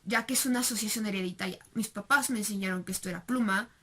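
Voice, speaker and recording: Talking at a quick pace in a mid-range voice that sounds pushed and bright, a young Mexican-accented student presents in a recorded class. She's a young adult who leans heavily on fillers and rhetorical tag questions.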